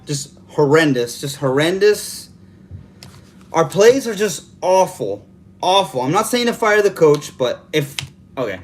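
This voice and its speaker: A man hosting a live stream, venting in an exasperated post-game rant full of repeated rhetorical questions, talking into a phone camera. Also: fairly high pitch. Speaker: live stream fan host. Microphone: phone camera held vertical.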